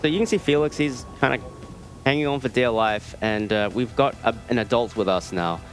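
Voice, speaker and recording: With a mid-range voice and a fairly quick delivery, a New Zealand speedrunner talks casually through his live run at a marathon event. He cracks dry jokes as he plays, accompanied by game music.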